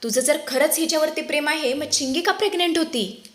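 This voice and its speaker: An indignant young man demands answers, played by a woman narrator. The voice sits higher than a man's, with rising, insistent questions, in a storybook retelling of a serial. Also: brisk, close to an everyday voice.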